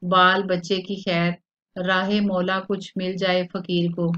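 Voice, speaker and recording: A woman's voice: fairly low pitch, little pitch movement, takes it slowly, a bit bright. Woman voicing a begging old man at the door, calling out, lo-fi recording. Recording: dull lo-fi recording.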